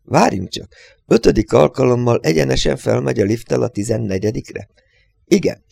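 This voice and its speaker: A man voicing a calm, methodical male thinker who reasons step by step in a storybook reading. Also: medium pitch, vocal fry. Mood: thoughtful. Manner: measured, deliberate.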